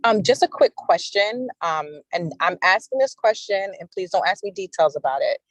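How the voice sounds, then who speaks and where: A woman's voice: medium pitch, expressive, moderate pace, no echo, poor audio. A woman speaking on a car speakerphone while driving, joining a committee meeting call. She talks hesitantly, with many fillers and restarts. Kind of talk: casual meeting discussion on a call. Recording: dry speakerphone audio from a car.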